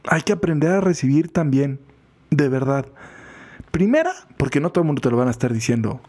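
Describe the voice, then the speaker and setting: A priest with a Mexican accent giving a chatty, informal reflection on the gospel, often laughing and acting out what people say. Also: male voice, fairly high pitch, sing-song, brisk, a little mellow. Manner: chatty, laughs often, acts out quoted voices. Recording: podcast voice recording.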